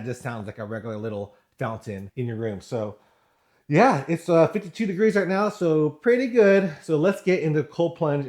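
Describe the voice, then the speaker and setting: A man's voice: mid-range voice, a little mellow. A man from the United States giving a casual vlog-style product review, informally repeating and rephrasing his points.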